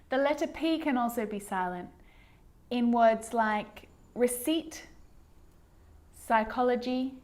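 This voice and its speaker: A woman teaching English pronunciation who says each example word twice, slowly and clearly. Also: fairly high pitch. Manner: models words twice, clearly and deliberately. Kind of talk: slow instructional explanation.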